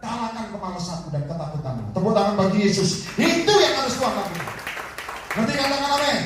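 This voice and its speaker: A man preaching with great animation, his voice jumping high and low as he acts out scenes and calls for an amen. His voice is high for a man. It is heard from a distance in a hugely echoing hall. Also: animated, fast talker, a crowd in the background. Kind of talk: lively sermon. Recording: distant, very echoey hall with faint noise.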